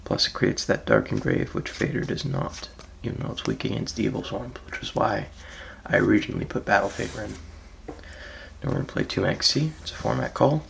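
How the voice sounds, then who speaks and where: Sounding like he's just woken up, this card player has a rough, raspy voice on the lower side as he presents his deck in a casual walkthrough. His delivery is relaxed and unsure, peppered with ums and soft trailing endings, over slight background noise.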